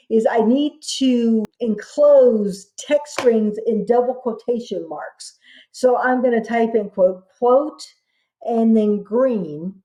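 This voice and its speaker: Slow, mellow woman giving spreadsheet tutorial, dictating entries. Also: on the high side. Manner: dictating formula entries piece by piece as typed. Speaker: software instructor. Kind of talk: spreadsheet tutorial narration, explaining step by step.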